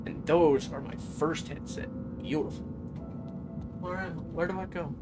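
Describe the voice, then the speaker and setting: A man giving let's-play commentary in excitable, jokey running reactions as he plays. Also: a little high, a little slow. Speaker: gaming video creator. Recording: game music playing underneath.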